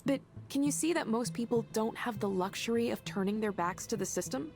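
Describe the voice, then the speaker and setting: Here the same earnest, idealistic character, a woman defending her mental-health tech work in a visual novel, comes through in a higher, brisk, natural voice. She sounds impassioned and pleading yet conversational, and music plays underneath.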